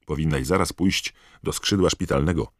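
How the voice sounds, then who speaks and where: A friendly, practical teenage schoolboy wizard from a storybook, voiced by a man. He speaks plainly, in a very deep voice that sits close to the reader's own. The sound is dry and close. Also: moderate pace, dry recording.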